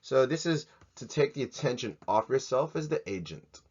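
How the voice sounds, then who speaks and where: A man from Australia, teaching an English grammar video lesson in a jokey, animated way. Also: mid-range voice, moderate pace, slightly rough. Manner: jokey, animated, swings in loudness. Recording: dull lo-fi sound.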